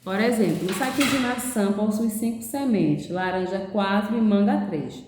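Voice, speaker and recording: A woman teaching a remote class for young children, patient and steady. She walks through each task step by step and keeps asking whether they follow. Her voice rings in an echoey room. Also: mid-range voice, normal speed, background noise. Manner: patient, explains step by step, ends phrases with "certo?". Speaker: preschool teacher.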